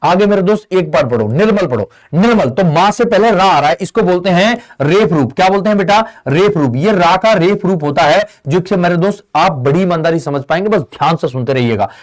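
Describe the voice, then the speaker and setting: A man's voice: high voice, lively intonation, brisk, few pauses. A man teaching a Hindi grammar lesson for exam preparation, asking the students questions and answering them in their voice, and calling his listeners friend and brother. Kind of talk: online exam-prep lesson.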